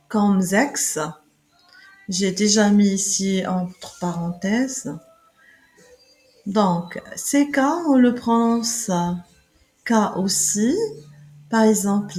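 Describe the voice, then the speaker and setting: A woman gives a German pronunciation lesson, explaining letters and words in a very slow, halting way, with fillers and restarts. Her voice sits at a middle pitch. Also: darkish tone, low-quality recording. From Morocco. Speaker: German teacher.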